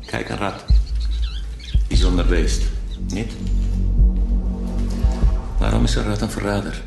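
An actor playing a sinister male crime boss in a film, menacing and deliberate, posing rhetorical questions. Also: on the low side, creaky, full character voice. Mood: calm menace. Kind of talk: film acting, gangster crime comedy. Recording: echoey room, loud music behind.

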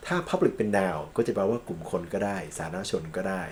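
A Thai man lecturing on English grammar and legal vocabulary, reading English examples slowly and then explaining them quickly. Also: low-pitched, sing-song, darkish tone, a little hiss or hum.

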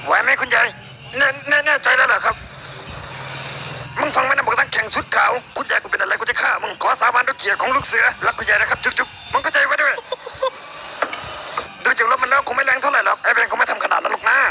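A man's voice: very high-pitched, big pitch swings, quick pace, gravelly, pushed and bright, slight background noise. A man hosting a comedy role-play, teasing and bossing others in crude banter. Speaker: host.

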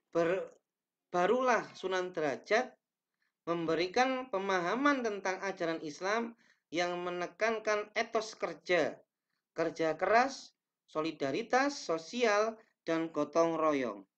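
A man's voice: high voice, a bit bright. A young man teaching a class, reading slides aloud with careful pacing and small self-corrections, in a small indoor room. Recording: dull lo-fi webcam audio.

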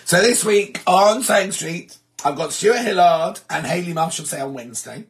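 A man with a sore, hoarse throat hosting a live stream, chatting casually and reading out viewer comments. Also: high-pitched, lively intonation, moderate pace. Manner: chatty, rambling, self-deprecating.

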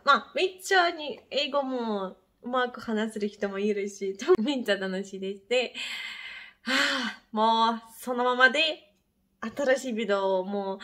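A young woman speaking Japanese, reacting to a TV clip with excited laughter and gushing praise. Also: on the high side. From Ukraine. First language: Ukrainian. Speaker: YouTube reaction host. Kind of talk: casual reaction commentary.

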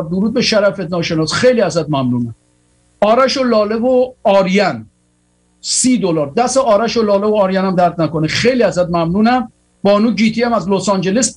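A man's voice: high-pitched, husky. A tired man hosting a political broadcast, giving a fervent, rallying monologue full of repeated exhortations.

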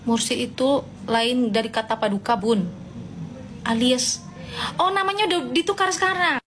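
A woman with a fairly high voice chats casually on a live stream, reading out comments and answering her followers. She is playful and teasing, then gently scolds in a motherly way. A faint hiss sits under her voice. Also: normal speed.

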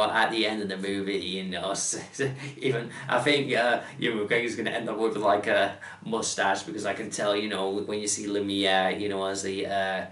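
A man's voice: on the low side, a bit bright. A man chatting casually about a movie trailer, hesitant and stammering, with frequent restarts and filler words. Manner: hesitant, stammering, full of restarts and "you know". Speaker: movie trailer reaction vlogger. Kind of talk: casual movie reaction commentary. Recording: echoey room, mic at a distance.

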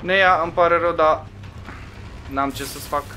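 Excitable Romanian man yelling at a game. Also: a little high, faint music behind. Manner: swearing, taunting and yelling at other players. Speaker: gamer commentating his own play. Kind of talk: casual gaming commentary.

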